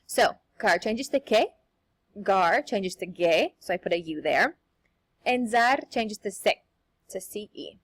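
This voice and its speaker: A woman's voice: mid-range voice, expressive. Upbeat woman teaching a language lesson. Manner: upbeat, sing-song teacherly delivery with slow, careful modeling of examples. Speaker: Spanish teacher. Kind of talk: recorded classroom lesson.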